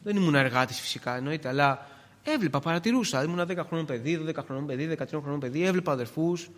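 A man around forty preaching a sermon, swinging between hushed words and loud emphatic pleas, repeating phrases with many filler "eh"s. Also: on the high side, lively intonation, in a large hall.

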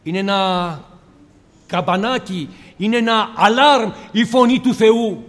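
Male preacher, very high voice, fervent sermon delivery, long hall echo. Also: a bit bright. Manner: impassioned, rhetorical questions.

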